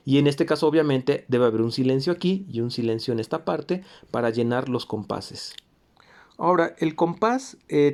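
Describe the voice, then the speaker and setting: Male music teacher, slightly high voice, patient classroom explanation with fillers. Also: a little mellow. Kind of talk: lecture explaining notation on a score.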